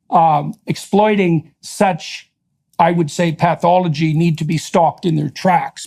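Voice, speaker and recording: A man's voice: on the high side, a little mellow. A man hosting an interview, making his case emphatically in long, run-on sentences. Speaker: podcast host. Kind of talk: heated interview conversation.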